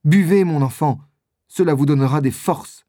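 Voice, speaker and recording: A reader voicing a scheming noblewoman in a storybook reading, who urges and commands and rises to sharp, alarmed cries. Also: mid-range voice, normal speed, no echo, studio quality, pitched above the performer's own voice, close to an everyday voice. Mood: coaxing.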